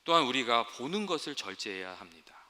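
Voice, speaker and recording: A male pastor preaches with a very bright, forceful tone and a lively pitch that swings up and down. He speaks earnestly to his congregation and slips easily into storytelling. His voice rings out in a long reverberant church hall. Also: a little fast. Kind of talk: sermon.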